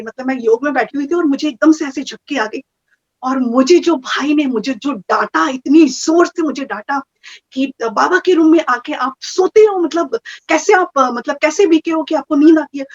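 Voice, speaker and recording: A woman telling a personal story in a casual, animated way, slipping English phrases into her talk. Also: sits high, moderate pace. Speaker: guest sharing experiences. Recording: muffled, dull audio.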